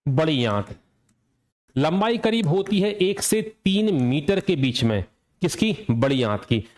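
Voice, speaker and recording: This teacher's voice is a little high and a little mellow, very animated yet unhurried. Coaching students for an exam, he asks questions and answers them himself, repeating the essentials to drill them home.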